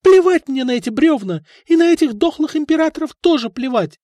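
Audiobook: male narrator as a lonely young princess, high, pleading and tearful, snapping into shrill outbursts. Dry close read. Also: animated, moderate pace, darkish tone, no room sound.

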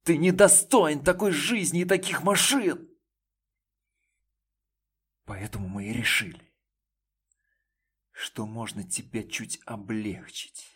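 A man's voice: lowish voice, little pitch movement, slow pace, pauses often, bright, forceful tone, husky, exaggerated voice. A man voicing a young woman who pleads and sobs, then turns scornful, in an audiobook. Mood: scornful, shouting. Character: desperate, bitter young woman, ex-lover.

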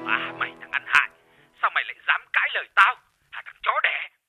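Man voicing an enraged old father, harsh, shouting, domineering, lively pitch. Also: fairly quick, husky, dull audio, faint music behind. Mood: furious. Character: furious older father, cursing and domineering.

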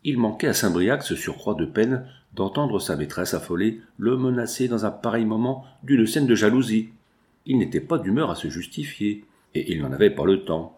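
A man reading a classic novel aloud in a measured, expressive way. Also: on the low side. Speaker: audiobook narrator. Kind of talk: scripted narration.

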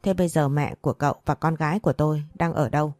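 A woman's voice: low-pitched, steady tone, no room sound, clean studio sound, soft background music, natural voice. Woman voicing a furious hot-tempered old father. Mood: stern. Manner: furious, rapid shouting threats.

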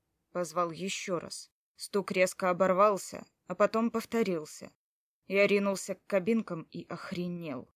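A woman's voice: mid-range voice, no echo, lightly acted. A woman reads a hot-tempered, protective man telling his own story in an audiobook. The delivery is brusque, with curses muttered under the breath. The sound is dry and close. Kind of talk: first-person audiobook narration.

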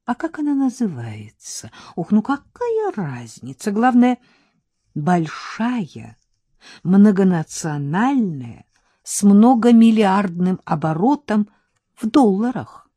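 A woman's voice: medium pitch, sing-song, slow pace, warm tone, husky, no echo, clean studio sound, pitched above the performer's own voice, heavily acted. Milka, a coquettish young woman, read by a woman. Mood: urgent. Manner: coquettish, teasing, talkative.

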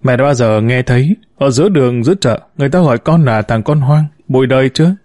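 A man's voice: mid-range voice, fast, a little mellow, no echo, studio quality, lightly acted. A man voicing an earnest, stubborn young adult son who argues firmly with his mother in an audiobook story. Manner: earnest, pleading yet firm.

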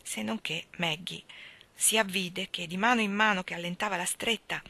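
Bright-voiced Italian woman reading a novel. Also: on the low side, moderate pace, gravelly. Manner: expressive dramatic reading. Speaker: audiobook reader. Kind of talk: literary audiobook narration.

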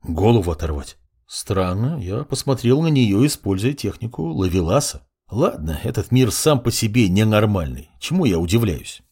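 A man narrating a first-person fantasy audiobook in an ironic, expressive way. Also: on the low side, moderate pace, hardly any pauses, slightly rough.

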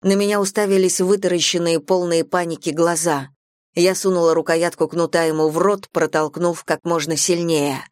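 A woman narrating a first-person audiobook in a measured, dramatic reading style on a close studio mic. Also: fairly low pitch, fairly even intonation, darkish tone, no room sound.

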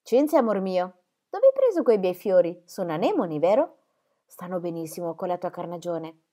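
A woman performing a fussy, sharp-tongued mother from an audiobook, her scolding voice rising high and swooping, prim and cutting in every word. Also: very animated, moderate pace. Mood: sweet. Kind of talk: audiobook character reading.

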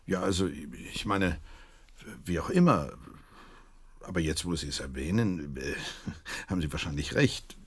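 An actor in a German radio drama playing Doctor Watson, an earnest, loyal gentleman who is easily astonished and somewhat flustered. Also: low voice, expressive, measured pace, breathy edge, exaggerated voice. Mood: hesitant, polite.

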